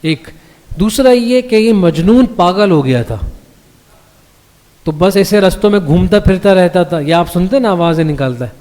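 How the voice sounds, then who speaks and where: A man teaching a class on the Quran in a mosque. He reads each verse slowly, explains it, and keeps checking that his listeners follow. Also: high voice, lively intonation, darkish tone. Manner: recites the Arabic verses slowly before translating them. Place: mosque hall. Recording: long reverb of a mosque hall.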